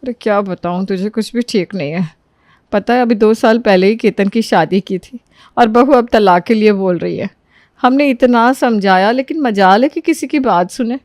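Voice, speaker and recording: A woman's voice: medium pitch, moderate pace, darkish tone, no room sound, clean studio sound, close to an everyday voice. A woman voicing a touchy, vindictive middle-aged aunt who complains and scolds in a cartoon story. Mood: weary, worried. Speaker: Bua ji, the visiting aunt.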